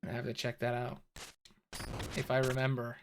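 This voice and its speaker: A man's voice: mid-range voice, completely flat delivery, normal speed. A man doing casual, sweary, joking commentary as he streams a video game. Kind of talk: casual gaming commentary and chat. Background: music, clearly heard.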